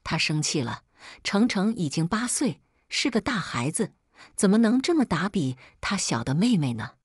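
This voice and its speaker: Slightly husky woman narrating a story. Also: fairly low pitch, big pitch swings, normal speed, no echo, studio quality.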